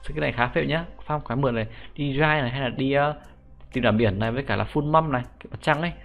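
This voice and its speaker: Talking very fast in a gravelly, medium-pitched voice, a young YouTuber rushes viewers through a game menu in a casual screen-recorded script tutorial. Music plays behind his excitable, informal slang, and he keeps repeating sentence-end particles.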